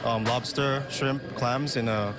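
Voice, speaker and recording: A man who is a head chef, describing dishes in a halting, hesitant way in an interview. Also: medium pitch, steady tone, over music. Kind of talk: casual interview. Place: indoor cafe. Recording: loud crowd behind.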